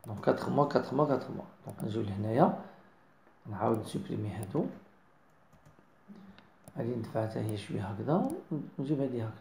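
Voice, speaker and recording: A man with a Moroccan accent giving a software design tutorial, mixing in French words and often checking that viewers follow. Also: lowish voice, racing, creaky, long pauses, reverberant, a little hiss or hum. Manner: mixes French into explanations, keeps checking understanding. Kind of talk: screen-recorded software tutorial.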